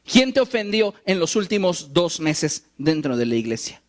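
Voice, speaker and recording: A man preaching a sermon, animated and wry, acting out the quoted lines he tells. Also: a little high, moderate pace. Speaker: pastor.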